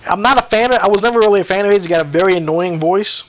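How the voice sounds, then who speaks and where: A man co-hosts a loose podcast chat, rambling through stories with plenty of restarts. His voice sits high. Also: rapid-fire, a bit bright, a little hiss or hum. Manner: chatty, rambling storyteller with many restarts. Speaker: podcast co-host. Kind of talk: casual chat.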